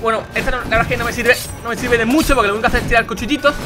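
A young man with a Spanish accent commentating a video game he is playing, casual, excitable, shouting and swearing when things go wrong. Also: extremely high pitch, racing, over music. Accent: Spain. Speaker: gaming youtuber. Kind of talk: casual let's play commentary.

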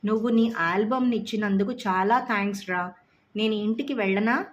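A woman voicing a gentle young boy who is grieving and disbelieving, speaking in a low, tearful, doubtful way. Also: moderate pace, highs cut off, natural voice. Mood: grateful.

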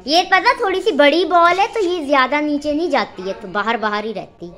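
Lady vlogging at home, chatty and fond with her cats, kinda high voice. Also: lively intonation, fairly quick, fairly bright tone. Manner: chatty, affectionate, talks fondly to the cats. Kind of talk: casual home vlog narration. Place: home kitchen and rooms, indoors.

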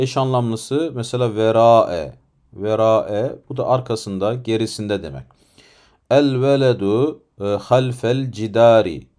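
A man's voice: on the low side, darkish tone. A man with a Turkish accent teaching an Arabic lesson, explaining patiently step by step with rhetorical questions and frequent fillers.

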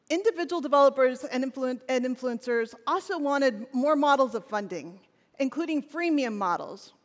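A woman in her forties on a large conference stage, giving a scripted, earnest keynote with a few restarts. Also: on the high side. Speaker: keynote presenter. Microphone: headset or lapel mic on stage. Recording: long hall reverb.

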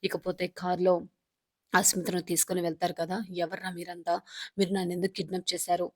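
Woman, casual story retelling, lowish voice, monotone delivery, quotes characters plainly, chains events together. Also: brisk. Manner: reads out every character's lines in her own plain voice; strings events together with "and then" phrases. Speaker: serial episode narrator.

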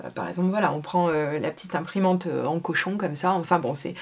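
A woman's voice: on the low side, fast talker, slightly rough. A woman hosting a casual crafting video, explaining a small printer app step by step in a chatty way, with many fillers. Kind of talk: casual product demo.

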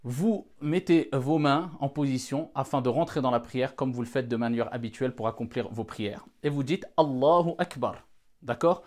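A man's voice: medium pitch, a little mellow. A man giving a careful religious lesson, addressing the audience formally and repeating key points to stress them. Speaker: religious teacher.

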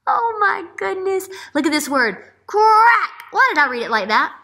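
An American early elementary teacher in her thirties reads aloud to young children in a very high-pitched, creaky, sharp voice with big pitch swings at normal speed. She talks expressively and often asks questions, and the indoor classroom recording has a roomy echo.

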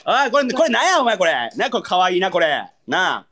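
A man's voice: high voice, wildly swooping pitch, brisk, sharp tone, a little hiss or hum. A young man with a Kansai accent, a livestreamer bantering in mock anger and pleading with viewers for gifts. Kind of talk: live-stream battle banter.

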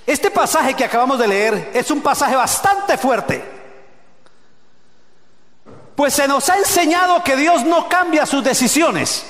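A male pastor preaching a sermon, swinging between loud shouted peaks and low hushed asides and calling on the congregation to repeat phrases. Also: animated, unhurried, long pauses. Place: church sanctuary. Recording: echoey church hall with long reverb.

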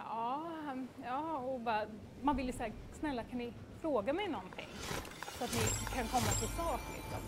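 A woman's voice: on the high side, very noisy. Young woman, casual storytelling, acts out dialogue, heavy filler words. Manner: animated, acts out quoted dialogue; frequent fillers like "liksom" and "jag bara". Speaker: livestreamer.

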